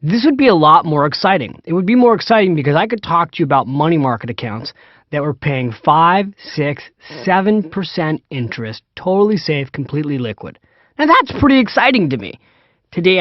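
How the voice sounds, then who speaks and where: A man's voice: fairly high pitch, no echo, lo-fi sound. Chatty man teaching money basics. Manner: chatty, anecdotal, speaks straight to the listener. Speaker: author and personal finance teacher. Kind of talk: self-read audiobook, seminar-like teaching.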